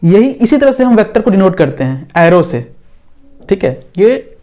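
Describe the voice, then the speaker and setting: A male physics teacher talks a class through a lesson in a high, easy voice. He draws on the board as he explains. He often pauses to check that everyone understands. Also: big pitch swings, mellow. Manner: talks while drawing on a board.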